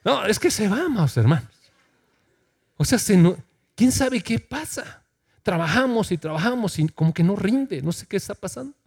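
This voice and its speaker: Lively, animated preacher. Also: male voice, on the high side. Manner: lively preaching, reads scripture aloud and asks the congregation questions. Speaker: pastor. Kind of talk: sermon.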